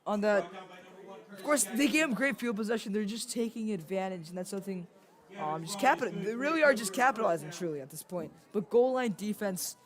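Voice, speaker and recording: A young man calling a high school football game, casual, leaning on stock phrases. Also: animated, a little fast, crowd noise. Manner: casual, repeats stock phrases like "of course" and "indeed". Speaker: play-by-play commentator.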